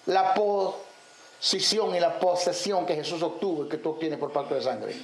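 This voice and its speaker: High-voiced preacher teaching emphatically. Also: male voice, moderate pace, vocal fry. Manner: fires rhetorical questions, lists terms, emphatic. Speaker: Bible teacher. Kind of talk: theological teaching sermon. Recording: echoey room, faint background noise.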